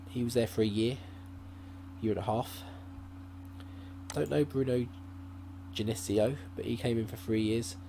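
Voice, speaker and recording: With a mellow, medium-pitched voice, a man gives relaxed let's-play commentary for his gaming channel, meandering as he thinks out loud with lots of fillers and restarts. He's at his laptop using a desk mic, and a faint hum from the computer can be heard.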